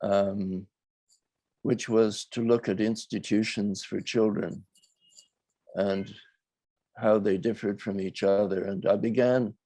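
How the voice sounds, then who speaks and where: An older man, a documentary filmmaker, talks reflectively in an interview, choosing his words in a thoughtful, measured and hesitant way. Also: lowish voice, little pitch movement, dark tone, no room sound.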